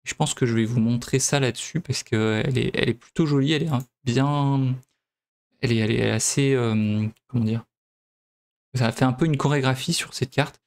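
A man's voice: mid-range voice, normal speed. A man from France giving casual gameplay commentary as host, hesitant with many fillers and restarts. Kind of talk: casual let's play commentary.

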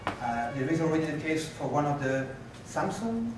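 A man giving a conference keynote and answering questions, animated and moving about the stage, recorded from a far camera in a lecture hall. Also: on the high side, moderate pace, noisy background. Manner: animated, gestures while pacing the stage. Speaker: keynote speaker. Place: lecture hall with projector screens. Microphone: far room camera.

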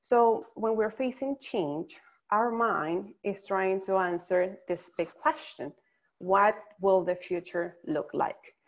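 A woman from Venezuela, a psychologist, presenting slides on a webinar in a measured, explanatory way. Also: mid-range voice, muffled recording. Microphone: video call.

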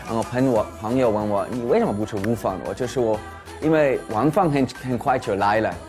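A man's voice: medium pitch, fairly quick, darkish tone. A young man from Switzerland with a foreign accent in Mandarin, introducing himself as a dating show contestant in a video. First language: not Chinese. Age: young adult. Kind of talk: narrated video self-introduction. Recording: music playing behind the voice.

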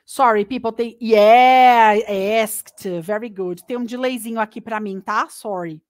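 A woman with a Brazilian accent giving a live online English lesson, chatty and lively, mixing English words into her Portuguese. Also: on the high side, measured pace, dry recording, clean studio sound. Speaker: English teacher. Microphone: computer mic on a live stream.

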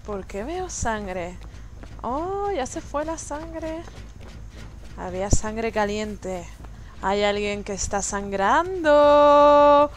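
A young woman from Spain with a high, lively voice narrates her game in a playful, taunting way. She takes her time with the words and laughs often. The recording carries clear background noise from the stream. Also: extremely slow. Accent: Spain Spanish. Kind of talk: live gameplay commentary. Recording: noisy stream audio.

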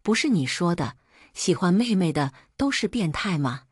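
A woman's voice: on the low side, big pitch swings, normal speed, husky, dry recording, studio quality. A woman voicing a teasing young man who is doting and smug, speaking in a playful, coaxing way. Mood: exasperated.

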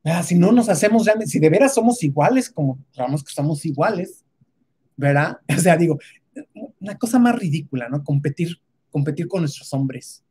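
Here a woman's low, husky, mellow voice comes across as animated and moves at a moderate pace. She voices her opinions casually and emphatically, restarting and hesitating a lot and tossing in rhetorical questions and tags as she goes.

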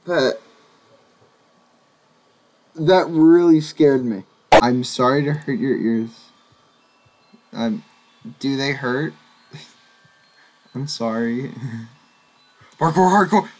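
A young man giving casual, rambling gameplay commentary, full of fillers and sudden excited outbursts. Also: mid-range voice, very slow, long pauses. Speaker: gaming channel host. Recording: faint music behind.

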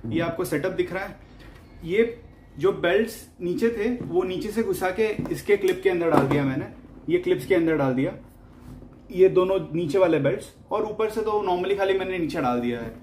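A high-voiced man chats his way through a do-it-yourself vlog, walking through each step of the fitting. The room is echoey, and a faint hiss sits under his voice. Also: moderate pace, a little mellow. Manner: chatty, mixes English into Hindi, talks while fitting gear. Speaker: motovlogger. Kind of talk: casual how-to vlog.

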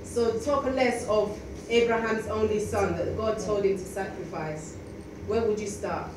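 A woman's voice: mid-range voice, fairly even intonation. A young woman delivers a sermon in a plain, conversational way, stumbling through fillers and restarts. She speaks into a stand mic at a lectern in a small church hall. The sound is echoey and noisy, heard from far off. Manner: conversational, halting with many fillers. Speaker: preacher. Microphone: stand mic at a lectern, filmed by a far camera.

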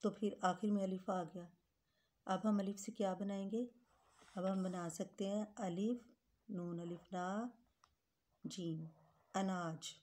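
A woman teacher walks young pupils through spelling and plurals. She talks slowly and patiently, spelling each word letter by letter. Her voice is soft and mellow. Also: mid-range voice, fairly even intonation. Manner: addresses pupils as children. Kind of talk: grade-school Urdu grammar lesson.

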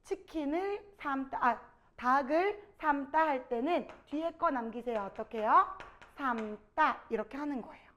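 A woman with a high voice teaches a grammar lesson, putting questions to her students and stretching out the example words. The audio is a little dull and lo-fi. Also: moderate pace, a bit bright.

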